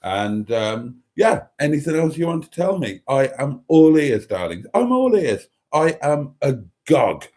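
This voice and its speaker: A man's voice: mid-range voice, lively intonation, a little slow, hardly any pauses, a little mellow. A British man hosting a casual livestream chat, effusive and camp, rambling theatrically to his listeners with playful endearments. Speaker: live show host.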